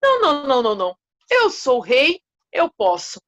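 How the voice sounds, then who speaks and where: A woman's voice: sits high, big pitch swings, moderate pace, bright, forceful tone, muffled recording, pitched above the performer's own voice, exaggerated voice. A woman voicing a bossy, stubborn male leopard king who barks orders in a children's story. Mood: commanding. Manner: commanding, exclaiming.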